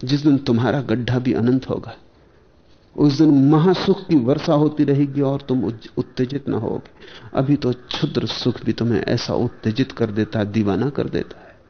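Gravelly man giving a spiritual discourse. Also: medium pitch. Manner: measured, in short phrases with pauses and rhetorical questions. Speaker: spiritual teacher. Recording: dull lo-fi archival lecture tape.

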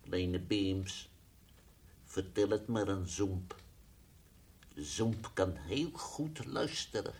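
A man voicing a playful, fussy toy lion in an old radio play, teasing at times and gently coaxing at others. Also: on the high side, very animated, slow, breathy edge, heavily acted. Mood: gentle. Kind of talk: 1960s radio drama acting.

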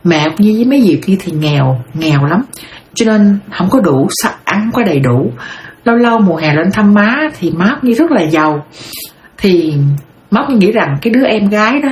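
A middle-aged woman with a Southern Vietnamese accent, telling her own life story in a rambling, heartfelt way. Her voice sits at an ordinary pitch for a woman. It is recorded with a roomy echo and a faint noise underneath. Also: expressive, fairly quick, a little mellow. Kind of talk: personal storytelling monologue.

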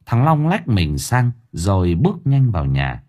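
A man narrating a dark storybook tale in a measured, suspenseful way. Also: fairly low pitch, big pitch swings. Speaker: audiobook narrator.

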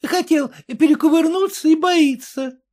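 A man's voice: extremely high pitch, a little slow, darkish tone, voice pushed up. A man reading aloud, voicing a sardonic market-woman vendor mocking a bystander.

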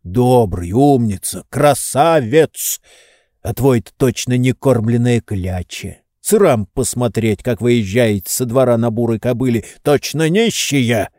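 A hoarse old manservant, touchy and fiercely devoted, wheezing out heated boasts and insults, as a man puts him on in an audiobook. He drags his words slowly in a dark voice on a dry recording. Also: medium pitch, no room sound, lightly acted. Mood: indignant. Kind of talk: audiobook reading.

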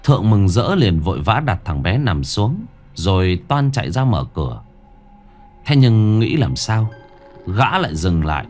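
A man telling a ghost story in a low voice with lively, swinging intonation. His delivery is dramatic and builds suspense, with faint music underneath. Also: measured pace. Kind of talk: scripted horror narration.

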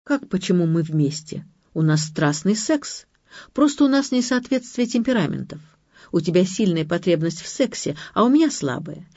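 A woman voicing a calm, ironic intellectual husband in an audiobook, speaking in an unhurried, mildly teasing way. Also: lowish voice, no echo, lo-fi sound. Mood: calmly teasing.

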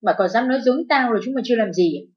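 A woman's voice: medium pitch, animated, a little fast, close to an everyday voice. A woman voicing an abusive, furious middle-aged mother-in-law who shrieks and wails, in a narrated audio story. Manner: screeching, abusive, wailing. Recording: dull lo-fi with faint music.

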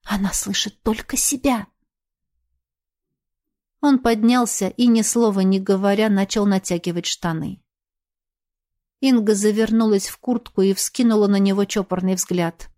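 A woman's voice: mid-range voice, fairly even intonation, measured pace, pauses often, warm tone. A woman reading dramatic fiction as a scripted audiobook narrator.

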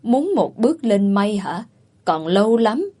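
In a storybook reading, a woman plays a haughty older lady of a rich house who looks down on everyone. She talks in a cutting, contemptuous way, with a husky tone. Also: mid-range voice, big pitch swings, measured pace, warm tone. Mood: scornful. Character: older rich matriarch, scornful and sharp.

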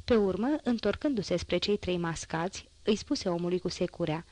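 A woman narrating a classic novel as an audiobook, in a measured literary reading. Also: lowish voice, animated, darkish tone. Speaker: audiobook reader.

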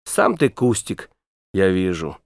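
A man voicing a sharp-tongued, scornful woman, a princess on a train, in a storybook reading. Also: deep voice, wildly swooping pitch, slow pace, gravelly, no room sound, voice pushed down, full character voice. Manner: snappish, dismissive.

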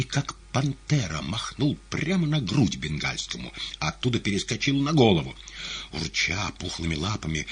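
Husky, expressive male audiobook narrator. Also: deep voice. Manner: expressive, dramatic reading.

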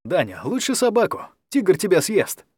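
Man reading a firm, calm coordinator. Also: sits high, normal speed, husky, dry recording, clean studio sound, pitched above the performer's own voice, full character voice. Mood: reassuring. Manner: steady, reassuring, firm. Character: calm, firm male coordinator guiding by headset.

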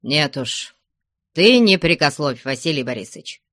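A man's voice: on the high side, sing-song, moderate pace, fairly bright tone, no echo, studio quality. A man reading aloud, voicing an older villager who keeps urging and admonishing a stubborn younger man. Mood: persuading. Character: persuasive older male villager, insistent.

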